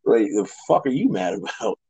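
A man with a slightly husky voice that swings up and down a lot as he jokes and swears in casual banter. The sound is close and dry. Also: fairly low pitch, very animated, normal speed, dark tone, dry recording, low-quality recording. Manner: jokey, profane banter and laughter. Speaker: podcast co-host. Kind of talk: casual chat.

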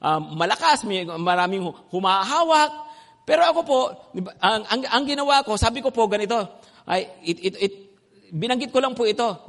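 A middle-aged man preaches with animated storytelling, tossing in constant little checks to his listeners. His voice sits notably high for a man. The sound carries a long hall reverb. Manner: animated storytelling, frequent "no?" and "di ba?" asides. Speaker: pastor. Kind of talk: sermon.

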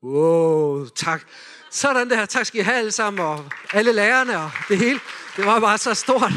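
A man in a lively sermon, retelling a Bible story and directing volunteers as they act it out. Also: sits high, crowd noise, background noise. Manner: animated, directs volunteers with quick cues.

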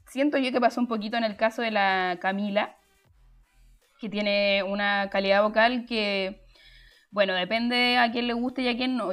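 Woman, young adult, live-stream host, chatty explaining, fillers and restarts, fairly high voice. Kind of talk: explanatory live-stream talk answering chat.

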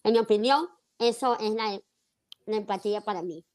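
A woman's voice: mid-range voice, moderate pace, darkish tone. A woman co-hosting a talk show, explaining her view in a hesitant way with many fillers as she thinks aloud. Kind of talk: conversational talk show discussion.

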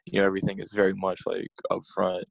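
A man's voice: deep voice, monotone, fast, vocal fry, no echo, rough recording. A man, a guest chatting casually and laid-back, with a self-deprecating manner. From Queens, New York. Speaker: guest, music blogger. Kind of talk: casual interview chat.

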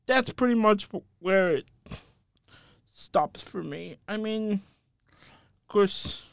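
A slow, hesitant podcast co-host who often stops mid-thought to find the next word. The voice is smooth and clear, recorded close and dry with almost no room sound. The talk is loose sports-podcast banter with blunt opinions. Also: medium pitch, no echo. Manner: halting, pausing often to search for words; defends unusual food picks with blunt opinions. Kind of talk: casual sports podcast chat.

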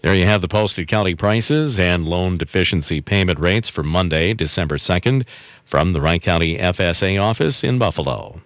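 A man's voice: sits low, animated, normal speed, fairly bright tone, dry recording, studio quality. A man reading a scripted radio bulletin of farm prices, item by item. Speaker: radio announcer.

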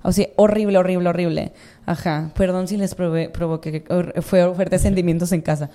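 A woman's voice: lowish voice, fairly even intonation, normal speed, mellow. A young woman with a Mexican accent, telling a story in a casual, slangy podcast chat, with lots of repetition. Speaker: podcast co-host.

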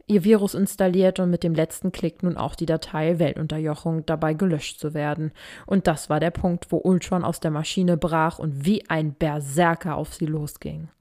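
A woman narrating a fan fiction story in an even, steady reading voice. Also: low voice.

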